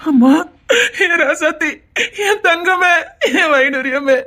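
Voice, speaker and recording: A woman's voice: high-pitched, slow pace, pushed and bright, exaggerated voice. A woman playing a tearful loving father with a Tirunelveli accent. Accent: Tirunelveli Tamil. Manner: tender, tearful.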